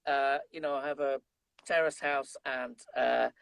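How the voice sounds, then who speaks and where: A gravelly, mid-range male voice, a bit bright and fairly even in intonation, with no room sound. He's a trumpet player in his fifties with an English Midlands accent, a guest in a conversational interview who tells unhurried stories full of fillers and restarts.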